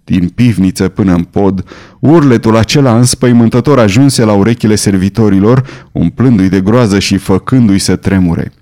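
A man reading a novel aloud in measured, dramatic audiobook narration. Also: on the low side, warm tone. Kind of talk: scripted narration.

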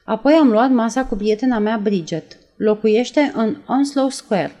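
A woman reading aloud and voicing a nervous young woman who retells events in a breathless, halting way. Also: on the high side, dark tone, close to an everyday voice. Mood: shaken. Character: nervous young woman, shaken after a shooting.

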